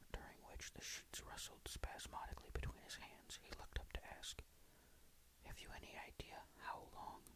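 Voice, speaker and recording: A person reading a ghost story aloud in a breathy whisper, hushed and suspenseful, close to the mic. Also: rough recording.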